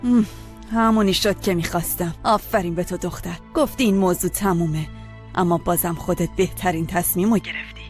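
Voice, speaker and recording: Casting: woman as a scheming, coaxing aunt, lowish voice, music under. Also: steady tone, a little mellow, lightly acted. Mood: smug. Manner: smug and coaxing. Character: scheming aunt praising her niece. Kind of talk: dubbed TV drama.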